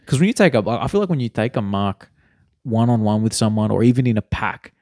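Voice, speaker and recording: Young man, Australian accent, animated rambling podcast chat, mellow, dry close mic. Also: lowish voice, a little fast, no echo. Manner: animated, rambling, lots of bro and mate. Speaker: podcast co-host. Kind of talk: casual chat.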